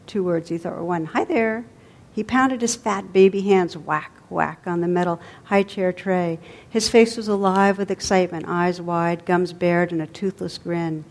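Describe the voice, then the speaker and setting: A woman telling a story aloud in a gentle, expressive way, letting her lines trail off softly. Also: fairly low pitch.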